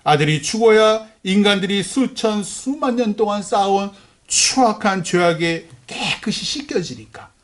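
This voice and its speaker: A male pastor preaching a sermon in a storytelling way, with sudden swings in pitch and loudness. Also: animated, moderate pace.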